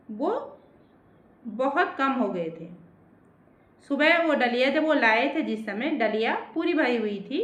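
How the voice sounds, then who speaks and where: Slow, high-voiced woman telling a folk tale. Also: bright, forceful tone. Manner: slow, deliberate, emotive storytelling. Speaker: storyteller. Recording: roomy, slightly dull recording.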